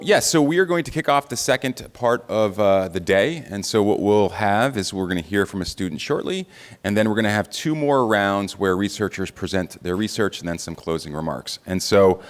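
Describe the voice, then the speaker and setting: A man moderating a summit introduces the next speaker. He talks in a polite, halting way full of ums, and his low voice sounds smooth and resonant. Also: big-room sound. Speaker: professor and event moderator. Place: lecture hall at a summit.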